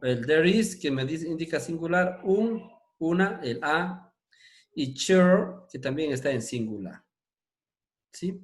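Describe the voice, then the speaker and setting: Slow, patient male English teacher. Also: on the high side, animated. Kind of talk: explaining grammar to a class.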